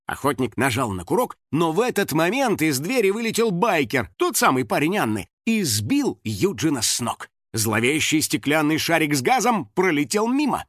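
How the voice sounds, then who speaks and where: A man narrating a children's audiobook in an expressive, storytelling manner, recorded close to the microphone. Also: fairly high pitch, normal speed, few pauses, dry recording.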